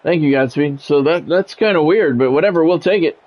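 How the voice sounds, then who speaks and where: With a slightly high voice and a fairly quick pace, this American livestream host chats bluntly and casually, mixing in play-by-play of his game. Music runs underneath a dull, lo-fi recording.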